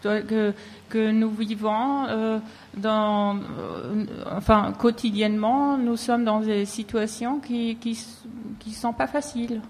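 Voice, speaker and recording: Slow, halting woman in a reverberant hall. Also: on the high side, steady tone, darkish tone. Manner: very halting, frequent long hesitations and broken phrases. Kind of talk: spontaneous public discussion. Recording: echoey hall with long reverb.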